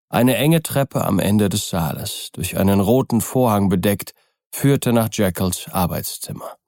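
A man narrating a classic novel as an audiobook, calm and even. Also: lowish voice, no room sound, studio quality. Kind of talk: scripted literary narration.

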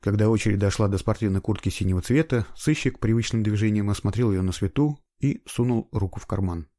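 Lowish-voiced male audiobook narrator. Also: fairly quick, mellow. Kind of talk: scripted narration.

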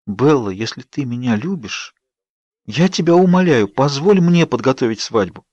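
A man's voice: mid-range voice, expressive, moderate pace, darkish tone, no room sound, highs cut off, close to an everyday voice. A man voicing a pleading, bubbly young woman friend in an audiobook, coaxing and wheedling. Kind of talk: audiobook character voice.

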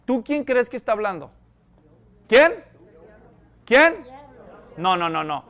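A man's voice: high-pitched, very animated, slow pace, a bit bright. A man preaching a sermon as pastor, asking the congregation one rhetorical question after another.

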